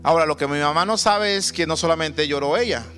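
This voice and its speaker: A man preaching a sermon as pastor, stressing and slowly stretching key words. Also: on the high side, a bit bright, big-room sound, faint music behind.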